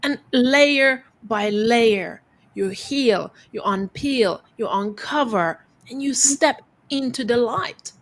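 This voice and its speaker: Appearing as a guest on an interview show, a woman tells a personal story in a reflective, motivational way, coaching earnestly and repeating phrases for emphasis. Her voice sits on the high side and she takes it slowly, describing herself as quiet-voiced.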